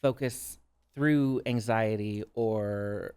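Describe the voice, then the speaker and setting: Male podcast guest, smooth resonant voice, thoughtful and unhurried. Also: fairly low pitch, darkish tone. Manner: reflective, measured, with pauses and restarts. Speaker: guest, drag performer and counselor. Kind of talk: casual podcast chat.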